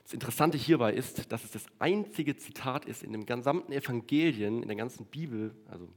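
A man delivers a sermon to his congregation in an earnest tone. He slows down and stretches key words for weight. On solemn lines his voice sinks low and quiet. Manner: addresses the congregation directly. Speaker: preacher.

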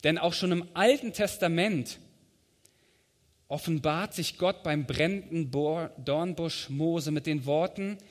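Guy preaching in a church, measured and steady, bit higher voice, long echo behind him. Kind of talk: sermon. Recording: long hall reverb.

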